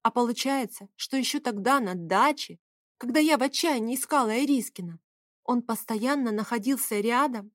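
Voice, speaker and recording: A woman's voice: a little high, moderate pace, no echo. A woman narrating a first-person novel in an audiobook, reading with emotional expression at a close mic.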